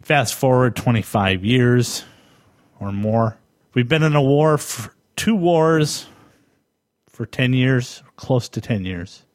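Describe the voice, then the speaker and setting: A middle-pitched man in his forties from the United States hosts a solo podcast. He talks in a slow, reflective way and often stops to search for the right words. The sound is dry and close, with no room around it. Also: lively intonation, no room sound. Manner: thoughtful, halting, with pauses to find words. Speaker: podcast host.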